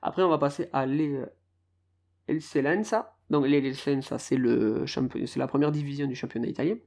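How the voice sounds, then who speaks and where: A man's voice: mid-range voice, fairly even intonation, fast, creaky, dark tone. A man hosting a casual solo podcast, rambling and self-mocking as he stumbles over foreign team names. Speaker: podcast host.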